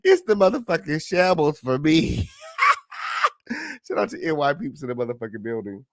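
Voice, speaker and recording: A man hosting a celebrity gossip livestream, sassy and flamboyant, full of loud catchphrases, profanity and high, squealing laughs. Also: sing-song, fairly quick, no room sound, studio quality. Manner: frequent high-pitched laughing outbursts. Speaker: gossip show host. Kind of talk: casual livestream commentary.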